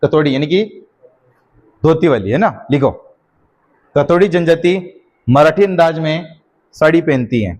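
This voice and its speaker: A middle-aged man, teaching an exam-prep class and slowly dictating notes, repeating each phrase and checking in with his students. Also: on the high side, expressive, darkish tone. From Rajasthan.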